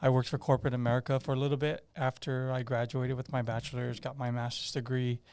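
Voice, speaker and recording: A man's voice: mid-range voice, little pitch movement, quick pace, a little mellow, clear, resonant tone. A man in his thirties, raised on Guam, introducing himself as a candidate in an earnest, plain way with frequent restarts. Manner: earnest, many restarts and fillers. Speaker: political candidate. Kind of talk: casual interview talk.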